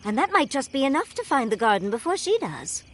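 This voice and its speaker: An actress playing a witty, teasing adventurer companion in a fantasy video game. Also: female voice, sits high, big pitch swings, a little fast, soft background music. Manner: dry, teasing humor.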